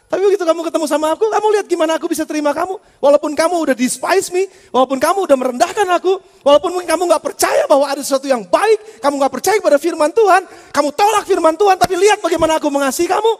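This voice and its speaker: A man voicing a gentle, loving male teacher addressing his disciples in an earnest, pleading sermon role-play. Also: extremely high pitch, very fast, hardly any pauses. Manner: pleading, earnest, alternating soft and loud. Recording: long church reverb.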